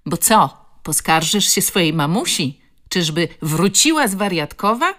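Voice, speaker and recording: A woman voicing a tall, cocky schoolboy bully who taunts and shouts in a raised voice. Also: fairly low pitch, sing-song, measured pace. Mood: mocking.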